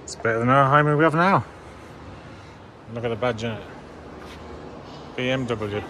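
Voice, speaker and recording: A man chats casually as he wanders a large indoor museum hall, exclaiming over what he sees. His voice sits in a middle pitch and is caught on a handheld camera mic, with clear background noise all around. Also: normal speed, bright, forceful tone. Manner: enthusiastic, exclamatory remarks while walking. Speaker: vlogger. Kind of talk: casual museum walkthrough commentary. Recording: noisy handheld museum recording.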